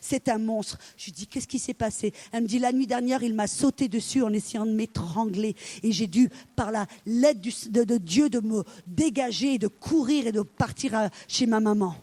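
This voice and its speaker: High-voiced woman preaching with animated storytelling. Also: normal speed, few pauses. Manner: animated storytelling, acting out dialogue. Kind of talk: sermon.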